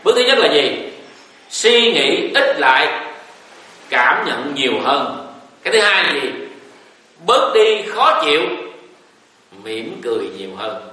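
Folksy monk, echoey hall. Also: male voice, on the high side, sing-song, unhurried, pauses often, pushed and bright. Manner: folksy, joking, rising and falling emphasis. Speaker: Buddhist teacher. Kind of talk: dharma talk. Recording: echoey room, voice from a distance, faint hiss.

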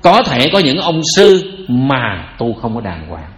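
His voice is mid-range and a bit bright, swinging widely in pitch while he takes his time. The speaker is a Buddhist teacher with a Southern Vietnamese accent whose sermon in an echoey hall is light, joking, and dotted with rhetorical questions.

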